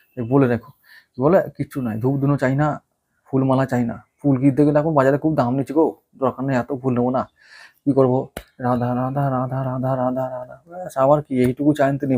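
A man's voice: medium pitch, dark tone. A man giving a casual, folksy weekly horoscope talk as an astrologer, full of rhetorical questions.

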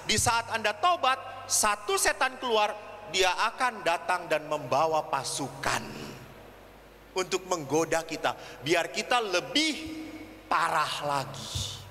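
A priest giving an animated sermon at a family seminar, telling stories and acting out the voices in them. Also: male voice, fairly high pitch, slow. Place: seminar hall. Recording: hall reverb with faint background noise.

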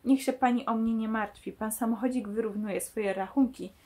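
A woman's voice: fairly high pitch, fairly even intonation, moderate pace, warm tone, close to an everyday voice. A woman reading as a sly scheming crook. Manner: read aloud from a novel, lightly voiced. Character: sly scheming male crook, calm and mocking.

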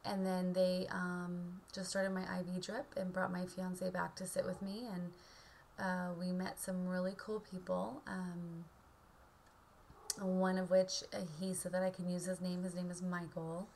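A woman in her thirties talking casually and haltingly in a subdued way, as in a video diary recorded at home on a webcam. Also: lowish voice, little pitch movement, gravelly, a little mellow, slight background noise. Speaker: vlogger. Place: indoor room at home. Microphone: webcam or laptop mic at arm's length.

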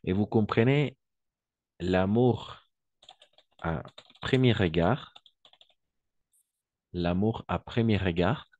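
A man's voice: lowish voice, takes it slowly, long pauses, a little mellow, dry recording, dull audio. A man teaching French in an online class, patiently repeating each word and translating into Spanish. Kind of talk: online language lesson.

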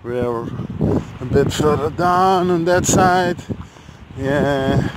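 Man, travel vlog, slow halting speech, mid pitch, heavy wind noise on camera mic. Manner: unhurried, halting with fillers. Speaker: travel vlogger. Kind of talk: casual vlog narration. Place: outdoors by the sea in wind.

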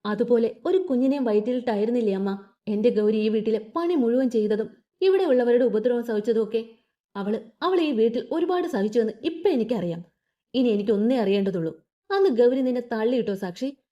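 A furious young husband, bitter and demanding, his harsh, clipped threats voiced in a fairly high, lively tone by a woman reading an audio story. The sound is mellow and dull, like a lo-fi recording. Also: fairly quick, close to an everyday voice. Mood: threatening.

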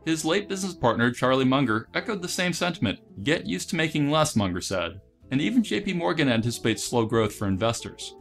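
A man's voice: mid-range voice, creaky. A man hosting an investing channel, delivering scripted voice-over commentary in an earnest, advisory way. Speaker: dividend investing channel host.

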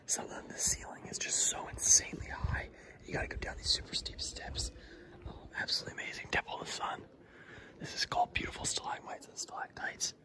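A man vlogging on a cave tour, whispering in awe with many fillers, his voice echoing through the cave. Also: quick pace. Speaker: travel vlogger. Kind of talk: hushed on-site cave tour. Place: large cave underground.

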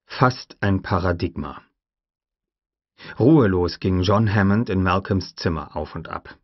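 Low male narrator, measured storytelling, dry and dull lo-fi recording. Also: expressive, no echo. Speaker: audiobook narrator. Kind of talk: scripted narration.

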